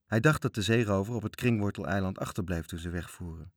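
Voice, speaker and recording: Low-voiced man reading a children's story. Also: fast, no room sound, studio quality. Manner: expressive, voices the characters. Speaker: narrator.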